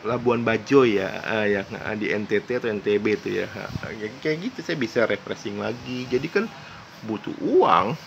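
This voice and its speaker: Gravelly lo-fi Indonesian man. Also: lowish voice, lively intonation, moderate pace. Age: 40s. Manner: repetitive, earnest pleading. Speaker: self-styled psychic. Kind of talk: casual monologue to camera. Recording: dull lo-fi recording with faint background noise.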